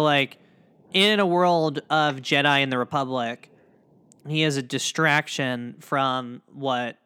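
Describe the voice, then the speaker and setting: A man's voice: medium pitch, pushed and bright, smooth. A man co-hosting a podcast in casual chat, chatty and playful. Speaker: podcast co-host.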